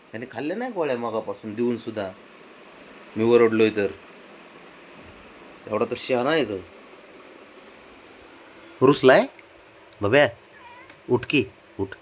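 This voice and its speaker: A young man, coaxing and sweet-talking his pet cat at home, repeating himself softly. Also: medium pitch, lively intonation, slow, pauses often, slight background noise. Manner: coaxing, repetitive, soft-spoken with a pet. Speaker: cat owner. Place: home, indoors.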